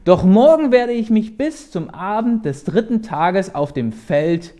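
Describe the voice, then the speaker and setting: A man's voice: high-pitched, lively intonation, a little slow, dark tone. A man reading the lines of David, a frightened young man pleading with his friend for his life, in an urgent voice.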